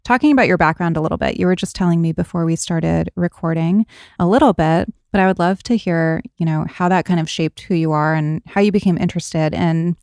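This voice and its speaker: A woman's voice: fairly low pitch, fairly quick, a little mellow, no room sound, studio quality. A woman hosting a podcast interview, asking curious questions and encouraging her guest with frequent affirmations. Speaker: podcast host. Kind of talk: casual interview chat.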